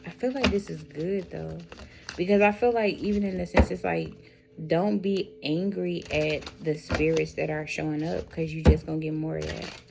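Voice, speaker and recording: A woman giving a spiritual tarot reading to her viewers, speaking in a slow, reflective way, repeating phrases and calling them y'all. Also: low voice, fairly even intonation, creaky, loud music behind the voice. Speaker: tarot reader.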